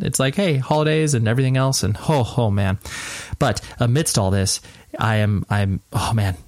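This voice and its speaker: An American man with a mid-pitched voice hosts a casual podcast intro. He keeps it quiet, as one does at night at home, yet sounds earnest and informal, rambling along. The sound is very dry, with no room echo. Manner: keeping his voice quiet at night, restrained. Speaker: podcast host. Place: at home at night, next door to a sleeping person.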